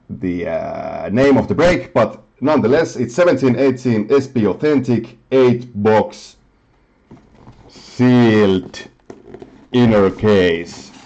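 A man hosting a card group break from his apartment, reading out names in a friendly, unhurried way and stumbling over some of them. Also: fairly low pitch, mellow, lo-fi sound. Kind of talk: casual hosting, reading out a list. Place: home apartment.

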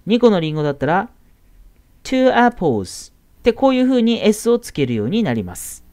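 A woman teaching a casual English grammar lesson to middle school students. She chats in a friendly way and draws out the English example words slowly. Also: medium pitch, very animated, a little mellow.

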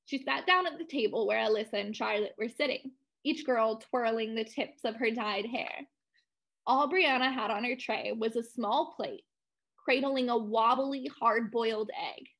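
A woman's voice: fairly high pitch, unhurried, a bit bright, rough recording. Woman reading a children's story aloud.

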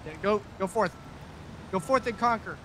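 Man, gaming banter, joking, high lively voice, faint vehicle noise. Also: normal speed. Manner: joking, needling questions. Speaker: co-op gaming friend. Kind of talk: casual gaming chat.

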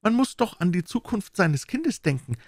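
A man putting on a high chattering scheming mother. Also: big pitch swings, moderate pace, no echo, studio quality. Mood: ingratiating. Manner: chattering, ingratiating. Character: fussy scheming middle-aged mother.

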